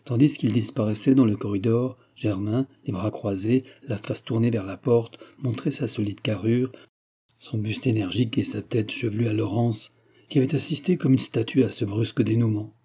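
Male audiobook narrator, measured, dark mellow tone, husky. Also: on the low side, steady tone. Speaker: audiobook reader. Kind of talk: scripted narration.

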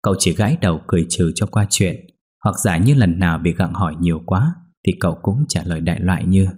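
Deep husky storyteller man. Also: fast, darkish tone. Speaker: narrator. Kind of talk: scripted ghost story narration.

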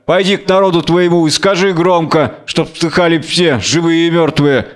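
A man's voice: on the high side, normal speed, natural voice. A man voicing a blinded strongman hero, proud and wrathful, speaking in impassioned outbursts. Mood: proud anger.

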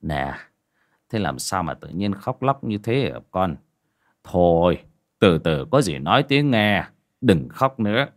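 Stammering old village father, as a narrator puts him on, fussy, lively pitch. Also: moderate pace. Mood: soothing. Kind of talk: audiobook character voice.

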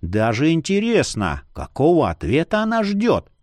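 A man's voice: a little high, wildly swooping pitch, normal speed, no echo, studio quality. A man voicing a chatty, nosy male ghost in an audiobook, speaking in a teasing, wry way.

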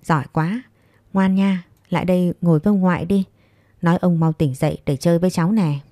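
A woman voicing a kindly, worried middle-aged mother in a read-aloud story, gentle and fussing. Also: lowish voice, steady tone, brisk, dry recording, studio quality, close to an everyday voice.

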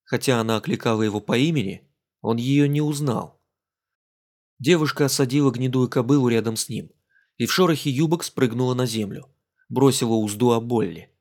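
A man narrating an adventure audiobook in a steady, even storytelling manner. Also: medium pitch, brisk. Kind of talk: scripted narration.

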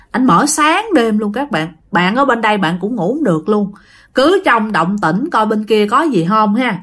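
A woman's voice: mid-range voice, fairly bright tone. Chatty Southern Vietnamese woman telling ghost stories. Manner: chatty, addresses listeners directly. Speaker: storyteller. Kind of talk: casual ghost story narration.

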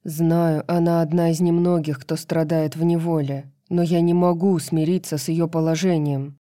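A woman's voice: low-pitched, flat delivery, normal speed, dark tone, natural voice. A woman voicing a stubborn, impulsive young man who is a wolf shifter, speaking urgently. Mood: insistent. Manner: urgent, insistent.

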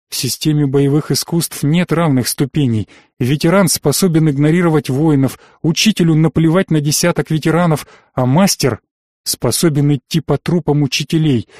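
A man with a fairly high voice narrates a first-person fantasy audiobook. His delivery is measured and tense. The recording is close and dry, with no room sound. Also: a little mellow, dry recording.

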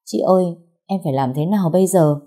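A woman's voice: on the low side, quick pace, warm tone, close to an everyday voice. A woman voicing a tearful, pregnant young woman who pleads with her older sister. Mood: tearful pleading. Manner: sobbing, pleading.

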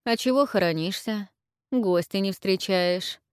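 A woman voicing a stern, menacing male warlord who speaks harshly and slowly. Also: medium pitch, clear, resonant tone, no room sound, clean studio sound, natural voice. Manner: harsh, growling, slow pressing speech.

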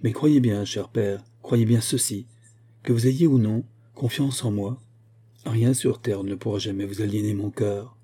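A male audiobook reader voicing a devoted young woman who speaks gently and pleads with her father. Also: on the low side, steady tone, measured pace, slightly rough. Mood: tender.

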